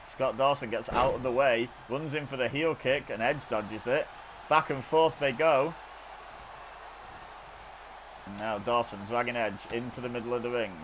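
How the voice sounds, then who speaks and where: A man calling wrestling video game action play-by-play in a chatty, excitable way, often correcting himself. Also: mid-range voice, noisy background. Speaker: gaming video host. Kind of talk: play-by-play commentary over video game footage.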